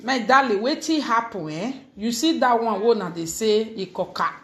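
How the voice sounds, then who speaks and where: A woman's voice: fairly high pitch, animated, moderate pace. A woman with a Nigerian accent chatting casually in Nigerian Pidgin, explaining things and repeating phrases for emphasis. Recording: echoey room.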